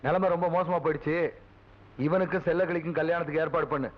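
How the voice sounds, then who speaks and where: An actor playing a blunt, gruff village patriarch in a film drama, giving orders. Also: male voice, on the high side, fairly even intonation, quick pace, lightly acted. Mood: commanding. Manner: gruff, commanding. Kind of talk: Tamil film drama dialogue. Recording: dull lo-fi film soundtrack.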